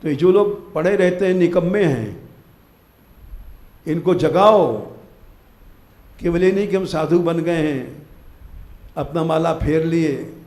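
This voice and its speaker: An older man delivers a live spiritual discourse, slow and deliberate, pressing his listeners to rise and be diligent. His voice sits a little high yet sounds mellow. It rings out in a roomy hall. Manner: exhorting, commanding listeners to wake up. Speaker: spiritual teacher giving a discourse. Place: temple hall, live gathering.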